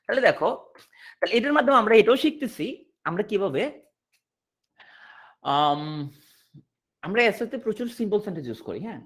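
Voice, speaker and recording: Male tutor, online class; animated delivery that rises and falls, reads example sentences slowly. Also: sits high, breathy edge. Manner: explains in a question-and-answer rhythm, repeating and checking understanding; reads English sentences slowly and deliberately, then translates. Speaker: English teacher.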